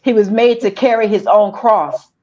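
A woman preaching a sermon in slow declarative lines, calling the congregation to respond. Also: mid-range voice, dull audio, crowd noise.

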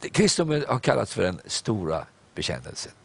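Lively, husky-voiced male preacher. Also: lowish voice. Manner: lively preaching, reads scripture aloud and acts out the dialogue; repeats words, says "eh". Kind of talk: sermon. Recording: broadcast program.

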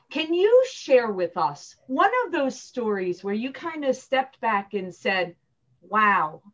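A woman's voice: medium pitch, a bit bright. A woman hosting an interview, prompting her guest with encouraging, upbeat questions. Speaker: podcast host. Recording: dull lo-fi audio.

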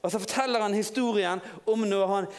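A man preaching in an informal storytelling way, halting and restarting often. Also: sits high, clean tone. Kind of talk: sermon.

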